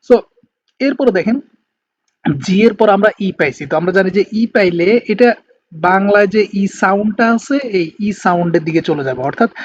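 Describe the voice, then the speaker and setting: A man from Bangladesh with a Bangladeshi Bengali accent, teaching an online language lesson in a patient, explanatory way and slowing down to spell out words. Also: sits high. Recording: slightly dull lo-fi recording with faint background noise.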